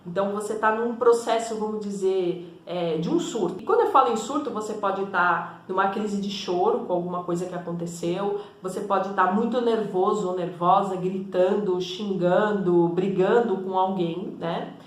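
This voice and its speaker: A woman's voice: mid-range voice, normal speed, few pauses. A woman therapist giving a conversational, explanatory teaching talk, often checking in with tag questions. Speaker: energy and spiritual therapist. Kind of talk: teaching monologue to camera. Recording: echoey room.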